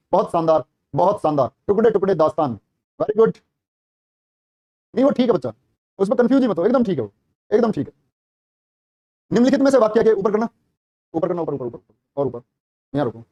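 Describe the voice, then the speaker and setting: A man teaching a live online class for a police exam. He quizzes students rapidly, repeats each answer and praises them warmly, calling them brother and child. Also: high voice, dry recording.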